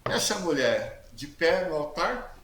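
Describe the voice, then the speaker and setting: A man, a guest telling his testimony in a casual interview, talking loudly and acting out the dialogue he quotes with plenty of slang. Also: fairly high pitch, slow. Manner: lively storyteller who acts out quoted dialogue, slangy; speaks loudly. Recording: echoey room with faint background hiss.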